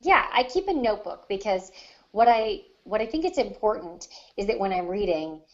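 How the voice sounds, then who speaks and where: Through a muffled recording comes a very animated woman, medium-pitched with a darkish tone and normal speed. She's on a podcast panel, reflecting casually on her writing craft and explaining at length.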